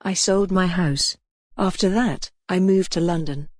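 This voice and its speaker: Lady teacher, kinda low voice, slow clear lesson reading, dry sound. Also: no echo. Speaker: English teacher. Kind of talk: scripted grammar lesson.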